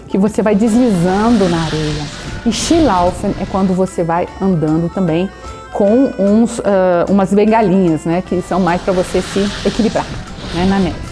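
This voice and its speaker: Mellow-voiced woman teaching German. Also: medium pitch. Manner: slows down sharply to model German phrases; fillers of "né?" and "tá bom?" to check in with the viewer. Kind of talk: language lesson.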